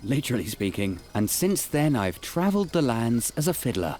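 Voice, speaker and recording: A man's voice: medium pitch, sing-song, moderate pace, a little mellow, lightly acted. A man voicing a wry, self-taught wandering fiddler in a fantasy game. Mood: reminiscing. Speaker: game character. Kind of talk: voiced video game dialogue.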